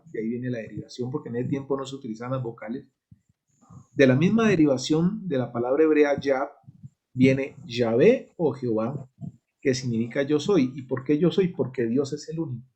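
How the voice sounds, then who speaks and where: A man with a Colombian Spanish accent leads a church Bible study, explaining step by step and asking "¿sí?" to check that the class understands. His mid-range voice is warm and husky, animated, at a moderate pace.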